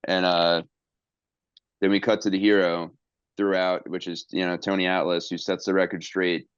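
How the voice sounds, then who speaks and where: Deep, smooth-voiced man rambling on a podcast. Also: level tone, moderate pace, no echo, highs cut off. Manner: rambling, profane, with many fillers and restarts. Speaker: podcast host. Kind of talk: casual podcast chat.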